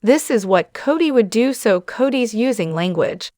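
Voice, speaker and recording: A woman's voice: a little high, lively intonation, moderate pace, darkish tone, dry recording, clean studio sound. A woman hosting a channel, giving casual, opinionated commentary straight to her viewers with plenty of fillers. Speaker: channel host.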